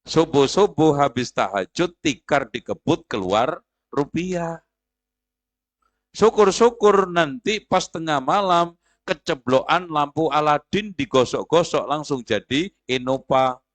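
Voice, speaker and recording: Lively preacher man. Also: on the high side, unhurried, dry recording. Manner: lively, joking and conversational, addressing the audience directly. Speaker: Islamic preacher. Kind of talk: sermon.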